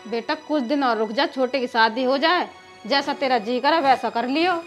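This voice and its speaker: A woman's voice: high-pitched, moderate pace, soft background music, lightly acted. A woman playing a scolding village mother-in-law. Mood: pleading. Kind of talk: rural film drama acting.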